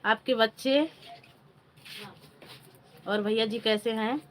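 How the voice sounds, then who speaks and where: A woman's voice: on the high side, slow, a little hiss or hum. A woman hosting a casual live stream on her phone, chatting with viewers, greeting them by name and asking for likes. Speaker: livestream host.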